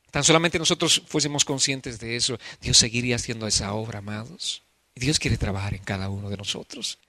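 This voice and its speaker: Impassioned male pastor, bright voice. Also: medium pitch, creaky, no echo. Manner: impassioned, shifting from soft to loud. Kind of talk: sermon.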